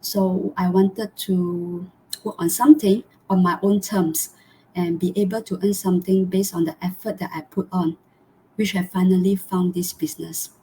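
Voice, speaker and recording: A woman's voice: lowish voice, fairly even intonation, moderate pace, warm tone, slight background noise. A woman from Malaysia, hosting a live online interview over a video call in an earnest way, with many fillers and restarts. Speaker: host.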